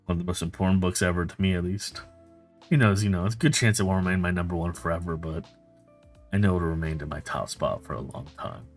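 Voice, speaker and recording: Deep-voiced man chatting casually about books. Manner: casual and profane, full of fillers and restarts. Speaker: book reviewer. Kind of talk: casual video monologue.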